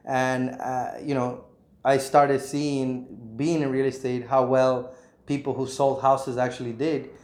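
A man's voice: medium pitch, flat delivery, measured pace, darkish tone. Guest: thirties man, earnest and frank, echoey empty room. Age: 30s. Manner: earnest, frank, repeats words, many "you know"s. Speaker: realtor and property investor, guest. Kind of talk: casual interview. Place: vacant apartment unit indoors.

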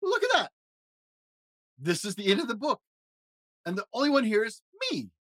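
Man putting on a high, jumpy furry storybook monster, fretful and pleading, swings all over, dry close sound. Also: expressive, brisk, fairly bright tone, no echo. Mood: relieved. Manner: fretful, begging, dramatic exclamations. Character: lovable furry blue male monster, nervous and pleading. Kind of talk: storybook reading.

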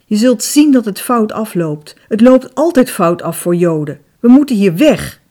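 A woman's voice: mid-range voice, normal speed, dark tone, close to an everyday voice. A woman reading an audiobook voices an urgent, angry young man, the eldest son, with a raised, insistent voice. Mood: agitated.

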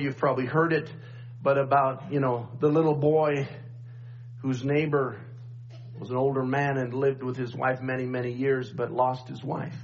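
A middle-aged pastor preaching a sermon at a pulpit microphone, repeating refrains and calling for amens. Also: male voice, mid-range voice. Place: church sanctuary, at a pulpit microphone. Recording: dull church recording with faint hum.

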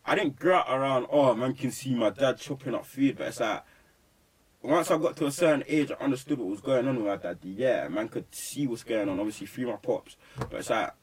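A man's voice: mid-range voice, fairly quick, husky. A young man with a London roadman accent, talking emphatically and preachily in heavy street slang in a casual interview. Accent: London roadman, urban slang. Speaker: rapper being interviewed. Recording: slightly distant microphone.

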